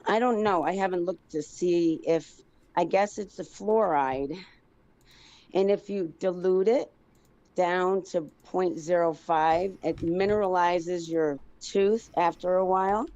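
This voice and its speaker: A woman's voice: fairly low pitch, slow pace, darkish tone. A woman calling in on speakerphone as a guest, chatting eagerly in long, rambling runs of clauses. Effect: speakerphone call. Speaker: phone-in guest. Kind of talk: casual chat. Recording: dull lo-fi speakerphone line.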